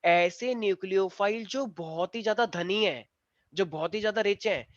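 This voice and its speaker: A man's voice: high voice, moderate pace, no room sound. A man teaching chemistry to a class in a playful, teasing way, mixing English terms into his explanations. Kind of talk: classroom lecture. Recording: dull, slightly lo-fi dry sound.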